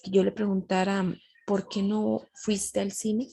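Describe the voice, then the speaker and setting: A woman teaching a grammar lesson, slowly walking her class through each rule and checking they follow. Her voice is mellow and gravelly, with a husky edge. She speaks in a patient, explanatory way. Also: medium pitch, level tone, rough recording. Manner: patient, often checks with a questioning tag.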